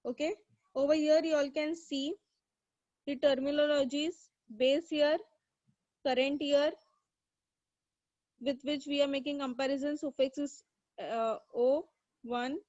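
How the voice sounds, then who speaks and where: Woman, online teacher, high voice, dry dull recording. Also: fairly even intonation, a little slow, long pauses, darkish tone, no echo. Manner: asks questions and praises students by name from chat. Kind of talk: online class lecture.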